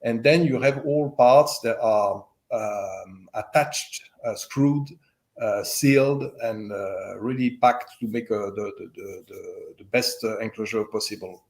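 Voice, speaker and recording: A loudspeaker company owner with a French accent, answering interview questions haltingly with many fillers and restarts. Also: male voice, on the low side. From French-speaking Switzerland.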